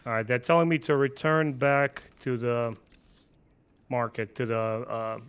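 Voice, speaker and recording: A man with a Russian accent in a casual gaming chat, relaxed and full of questions. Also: mid-range voice, measured pace, clean tone. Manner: relaxed, asks lots of questions.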